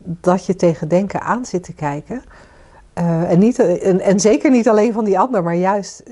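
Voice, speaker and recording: A woman's voice: mid-range voice, normal speed. A woman co-hosting a podcast, talking casually and asking listeners questions. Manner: warm inviting, asks listeners questions. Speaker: podcast co-host and coach. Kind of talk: casual conversation with listener invitations.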